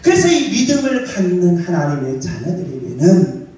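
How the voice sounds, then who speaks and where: A man's voice: high voice, huge pitch swings, normal speed, dark tone. A male pastor preaching a sermon, asking the congregation questions and answering them himself. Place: church sanctuary. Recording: echoey hall, far from the mic.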